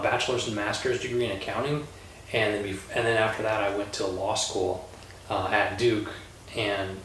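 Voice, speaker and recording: A man from Colorado, a lawyer, hosting a relaxed panel chat, talking with many fillers and pauses. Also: on the low side, slight background noise. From Colorado, USA. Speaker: host, lawyer. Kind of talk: casual panel conversation. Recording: roomy echo, distant mic.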